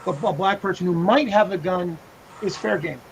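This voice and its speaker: An American man on a podcast panel goes off on an angry, profane rant full of repetition, keeping it casual and chatty. His voice sits high with some vocal fry, moving at normal speed, and a slight hiss or hum runs under the audio.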